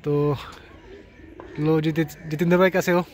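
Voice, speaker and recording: High-voiced host talking to viewers. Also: male voice, little pitch movement, a little slow, a little mellow, a little hiss or hum. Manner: eager, addresses viewers directly. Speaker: channel host and interviewer. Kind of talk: casual video interview.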